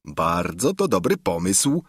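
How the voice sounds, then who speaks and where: A man's voice: sits low, sing-song, slow pace, slightly rough, dry recording, clean studio sound, full character voice. A man voicing a boastful village innkeeper full of fussy excuses, in an audiobook reading. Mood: wheedling. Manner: fussy, excuse-making, wheedling.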